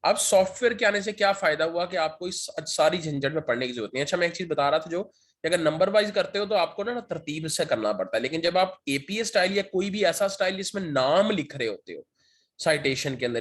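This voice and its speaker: A man gives a step-by-step software tutorial as a lecturer. He keeps checking in with his students as he goes. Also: on the high side. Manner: step-by-step, repeats "ठीक है" to check in. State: sore throat, occasional cough. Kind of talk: screen-share software tutorial.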